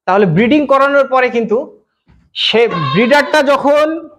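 A goat farmer from West Bengal explaining breeding to an interviewer, often checking that the listener follows. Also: male voice, very high-pitched, expressive, measured pace, a bit bright, a little hiss or hum. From West Bengal, India. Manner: repeats "কিন্তু" and "বুঝতে পেরেছেন?" often. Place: goat farm, outdoors.

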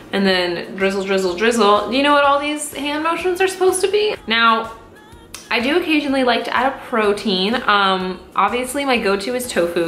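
Woman, 20s, rambling self-mocking vlogger, mid-pitched, echoey kitchen room sound. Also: sharp tone. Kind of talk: casual cooking vlog. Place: small home kitchen.

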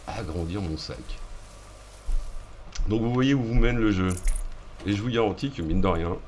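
Deep-voiced man, chatty gaming commentary. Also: a little mellow, slight background noise. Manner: chatty, slangy, joking, addresses the viewers. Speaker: gaming streamer. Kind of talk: casual let's-play commentary. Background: game music.

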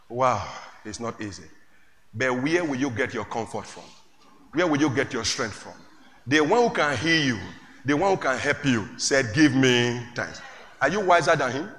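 A male pastor preaching a sermon to a congregation, calling out questions and rising to shouts. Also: mid-range voice. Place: church hall with congregation. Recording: echoey church hall, faint room noise.

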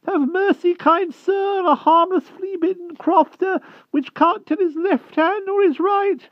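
A man's voice: very high-pitched, unhurried, no echo, dull audio, pitched above the performer's own voice. A man voicing a small frightened male hedgehog who squeals and begs for mercy in a rustic country dialect. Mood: pleading.

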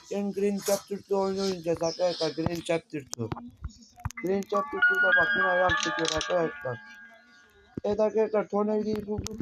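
A man giving frantic, complaining let's-play commentary to his viewers, repeating himself as he plays. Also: high-pitched. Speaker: gaming video creator.

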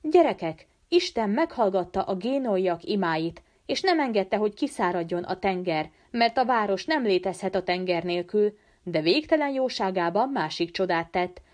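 A woman's voice: mid-range voice, lively intonation, a little mellow, close to an everyday voice. A woman reading a sly fake monk with a mock-sweet, preachy voice. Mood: mock-pious. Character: sly fake monk, falsely pious, man.

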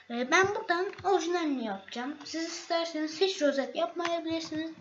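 High-voiced woman giving a hesitant tutorial. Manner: halting, many fillers and restarts, addresses viewers as friends. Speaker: tutorial host. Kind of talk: casual screen-recorded software tutorial. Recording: slightly dull, faint noise.

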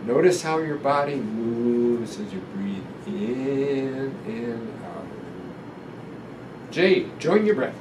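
A man in his seventies, a guest doctor, reads a picture book aloud to children in a gentle, deliberate, instructive way, guiding breathing exercises with pauses between phrases. His medium-pitched voice has lively intonation. He's in an indoor room in front of a sequined curtain, picked up roomy and distant with noticeable ventilation hum.

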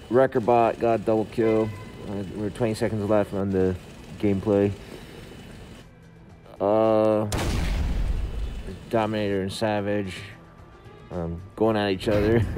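A man giving halting, casual gameplay commentary, his voice muffled by a face mask. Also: on the low side. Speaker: gamer narrating own gameplay video. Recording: game music and gunfire behind. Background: game music, gunfire, vehicle sounds.

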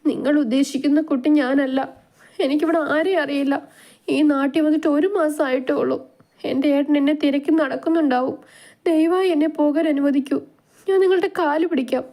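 A woman voicing a frightened young woman who begs tearfully in a high, panicky voice. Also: normal speed, gravelly, darkish tone. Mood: pleading.

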